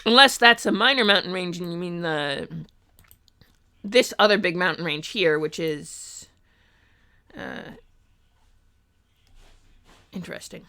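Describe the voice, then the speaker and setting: Sleepy, rambling woman streamer, bright voice. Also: lowish voice, unhurried, long pauses, clean tone. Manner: rambling, many ums and uhs, thinking aloud. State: tired, sleepy. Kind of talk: casual live-stream chat. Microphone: streaming mic.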